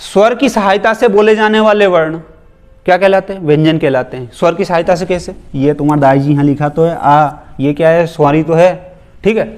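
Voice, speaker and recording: A man's voice: a little high, steady tone, brisk, a little mellow. A man teaching grammar in a casual exam-prep lecture, firing rhetorical questions at students and breaking off into joking, teasing asides.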